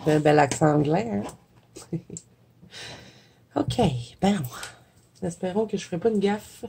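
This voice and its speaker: A woman's voice: fairly low pitch, slow pace, gravelly, mellow, a little hiss or hum. A woman with a Quebec French accent, congested with a head cold, chatting casually and laughing at herself as she paints for her viewers. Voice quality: chatty, laughs often, self-deprecating. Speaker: watercolor coloring vlogger. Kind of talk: casual chat while painting.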